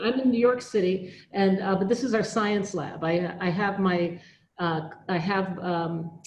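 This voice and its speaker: Mellow, lowish woman, hesitant. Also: a little hiss or hum. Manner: hesitant, many fillers and restarts. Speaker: teacher and religious sister. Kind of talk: reflective talk on a video call. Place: school science lab. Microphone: video call.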